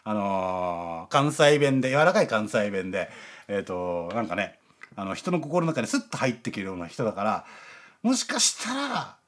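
A man's voice: lowish voice, sing-song, normal speed, a bit bright. A man hosting a radio show, talking in a rambling, chatty way with lots of fillers and chuckles. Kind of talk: casual radio chat.

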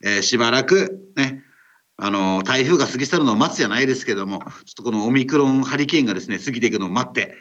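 A man hosting a radio show remotely, talking casually and politely with many filler pauses. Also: mid-range voice, animated, fairly bright tone, highs cut off. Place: remote recording over an internet call.

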